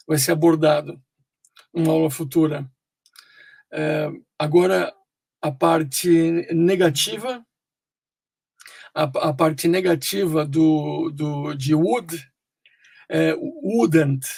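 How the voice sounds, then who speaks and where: A man teaching English pronunciation online, explaining slowly with many fillers and pauses. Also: on the high side, gravelly, darkish tone, husky, dry recording.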